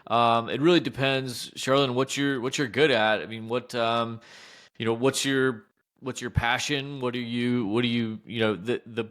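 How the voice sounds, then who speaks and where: Smooth-voiced man giving casual advice. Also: medium pitch, fairly even intonation, moderate pace, fairly bright tone. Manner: friendly, chatty, explaining with everyday examples. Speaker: podcast co-host, accountant.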